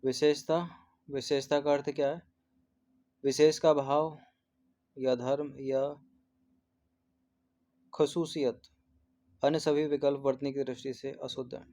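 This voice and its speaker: Guy teaching spelling for an exam, flat monotone, warm dark voice, keeps repeating each word. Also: medium pitch, unhurried, pauses often. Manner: mixes English numbers and terms into Hindi. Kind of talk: exam test-series answer walkthrough.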